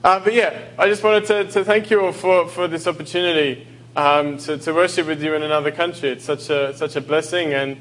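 A guest preacher from Australia delivers a sermon in a church sanctuary, full of hesitant fillers and restarts, then reads scripture aloud. His voice is a little high, steady and a bit bright, moving fairly quickly, picked up by a handheld or stand mic.

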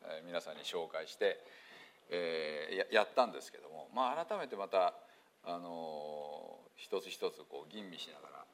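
A man's voice: normal speed, gravelly. A man from Hiroshima with a Hiroshima accent, a pastor giving a chatty sermon full of fillers. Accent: Hiroshima Japanese. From Hiroshima, Japan. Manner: chatty, many fillers, lively pitch swings. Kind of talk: casual sermon talk with quiz review.

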